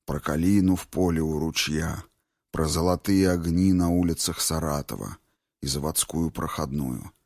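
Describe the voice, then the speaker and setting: A man calmly reading a first-person story aloud in a measured, sober way. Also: sits low, no room sound, studio quality.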